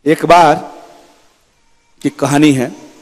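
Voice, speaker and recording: A man's voice: a little high, fairly even intonation, drawn-out words, darkish tone. A man giving a sermon in a temple hall, telling stories with acted-out dialogue. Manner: dramatic storytelling with acted-out dialogue. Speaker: preacher.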